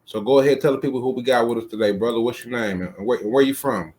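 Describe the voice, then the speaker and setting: A man's voice: medium pitch, fast talker, a little mellow. A man hosting a casual interview, easygoing and full of conversational fillers. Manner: easygoing, lots of "you know what I'm saying". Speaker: host.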